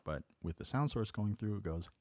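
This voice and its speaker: Low-voiced man explaining studio gear. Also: fairly quick. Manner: relaxed, explains step by step with "right?". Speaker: musician teaching talk box. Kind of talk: casual studio tutorial. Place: home music studio.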